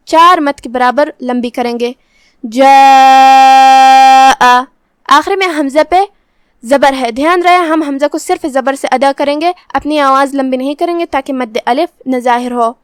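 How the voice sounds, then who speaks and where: A woman with a high, light voice leads a slow recitation lesson and goes through each letter with careful, patient explanation. The sound is dry and close, with no room echo. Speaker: Quran recitation teacher.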